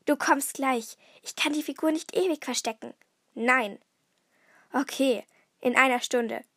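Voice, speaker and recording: A woman's voice: high voice, unhurried, dry recording, clean studio sound, full character voice. A woman voicing a scheming male professor who grumbles curtly under his breath. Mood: grumbling. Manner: hushed, curt and grumbling.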